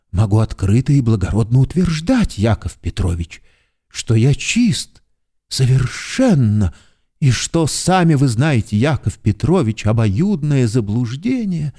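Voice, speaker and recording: A man's voice: mid-range voice, warm tone. A man voicing a timid, fawning middle-aged clerk who keeps pleading humbly and formally for forgiveness in an audiobook. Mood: earnest. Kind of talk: audiobook character voice.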